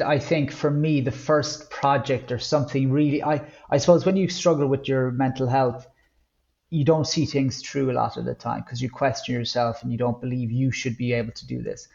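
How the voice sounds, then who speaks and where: A man with a Kerry accent from the west of Ireland, telling personal stories as a podcast guest, haltingly and with words repeated for emphasis. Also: medium pitch, steady tone, creaky, a little mellow, highs cut off. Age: 30s or older. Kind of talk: candid personal storytelling in conversation.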